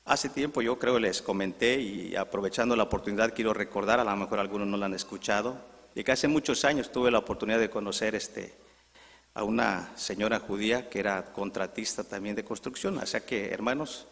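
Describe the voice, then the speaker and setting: A man's voice: fairly low pitch, a little fast, gravelly, a bit bright, long reverb tail. A man preaching a sermon, asking the congregation questions.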